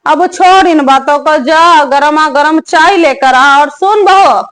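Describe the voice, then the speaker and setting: A woman voicing a bossy, aging mother-in-law who nags slowly and scolds in a comic family sketch. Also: high voice, fairly bright tone. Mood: scolding. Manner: slow, scolding, drawn-out nagging.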